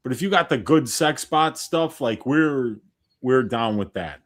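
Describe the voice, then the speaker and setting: Relaxed, joking man, a little tipsy. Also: mid-range voice, measured pace. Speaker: co-host of a live fight watch-along. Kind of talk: casual live-stream chat.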